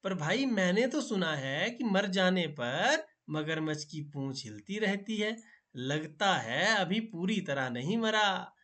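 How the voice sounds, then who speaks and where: A man's voice: high voice, animated, fairly bright tone, heavily acted. A man voicing a cunning male jackal in a school storybook reading, talking in a wary, sly way. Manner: wary, sly, quick to cover himself.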